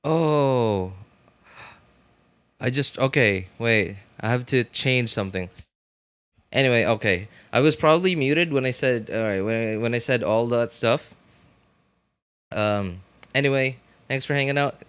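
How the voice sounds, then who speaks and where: A man streams a game and chats casually, rambling and often hunting for words, with game music and sound effects playing behind him. His voice is medium-pitched, a bit bright and clean, and he talks unhurriedly with long pauses.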